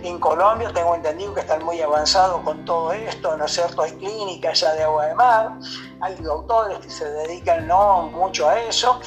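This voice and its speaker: A man's voice: fairly high pitch, normal speed, soft background music, poor audio. A man in his seventies with an Argentine accent, a radio guest chatting casually and rambling with many fillers and tag questions. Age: 70s.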